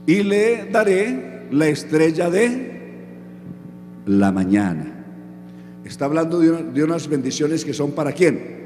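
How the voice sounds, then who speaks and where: A man's voice: a little high, background noise. A man preaching a sermon who keeps asking the audience questions and then answers them himself. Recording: echoey hall with music underneath.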